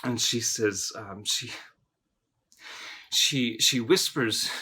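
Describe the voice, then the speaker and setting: An actor playing a melodramatic, film-obsessed young man in a mockumentary confessional, talking in halting, stammering bursts and repeating his words. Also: medium pitch, pushed and bright, slightly rough, heavily acted. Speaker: interview subject in a mockumentary.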